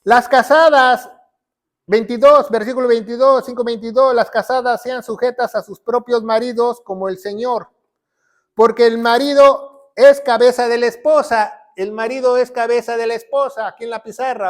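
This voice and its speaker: Emphatic high-voiced man preaching. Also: steady tone, moderate pace. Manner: emphatic, repeats key phrases, frequent "¿va?" check-ins. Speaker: pastor and Bible teacher. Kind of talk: teaching sermon at a whiteboard.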